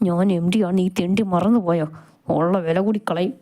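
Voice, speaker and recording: A woman's voice: lowish voice, steady tone, normal speed, dark tone, lightly acted. A woman voicing an arrogant young male hospital director who talks in a curt, scolding way. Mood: angry.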